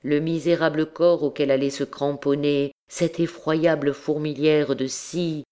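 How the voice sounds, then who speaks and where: A woman reading a classic novel aloud as an audiobook, in a measured, solemn way. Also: deep voice, fairly even intonation, mellow. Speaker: audiobook narrator. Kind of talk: scripted literary narration.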